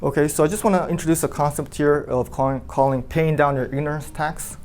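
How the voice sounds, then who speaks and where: A man who runs an insurance agency, telling his team a personal story in a lively, casual way, full of "like" fillers and questions to the room. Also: on the high side, a little fast, slight background noise. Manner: animated, asks the room questions, many "like" fillers.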